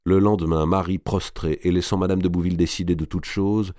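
Deep-voiced man narrating a novel. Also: fairly even intonation, fairly quick, darkish tone, no echo, clean studio sound. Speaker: audiobook narrator. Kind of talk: scripted narration of a historical novel.

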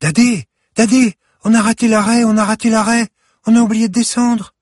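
A man voicing an excitable, eager little girl in a high, strained falsetto, in a dry close recording. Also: normal speed, no echo. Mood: alarmed.

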